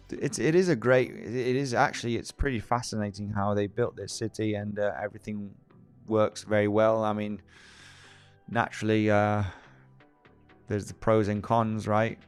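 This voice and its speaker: Male livestream host, deepish clean voice, rambly, soft music behind. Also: a little slow, clean tone. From Spain. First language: Spanish. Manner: rambling, frequent restarts, reads viewer comments aloud. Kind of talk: casual livestream chat.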